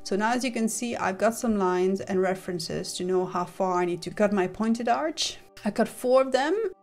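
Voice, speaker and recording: Woman, tutorial voice-over, methodical and practical, middle pitch, light music bed behind. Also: normal speed. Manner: calm, methodical, practical explanation. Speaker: model maker explaining her build.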